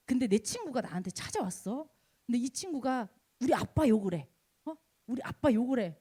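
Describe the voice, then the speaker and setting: A young woman preaching a sermon to college students, acting out dialogue and building to shouts. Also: on the high side, a little fast, husky. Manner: animated, acts out dialogue, rises to shouting. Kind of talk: youth sermon.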